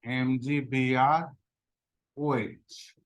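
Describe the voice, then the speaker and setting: A man teaching a chemistry class, pausing to scold and prod his students to answer. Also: medium pitch, steady tone. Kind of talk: classroom lecture.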